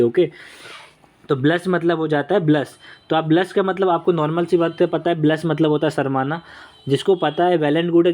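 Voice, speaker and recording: Slightly high-voiced man teaching vocabulary. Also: darkish tone. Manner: repetitive, checks in with "okay" and "right". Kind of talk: exam coaching lesson.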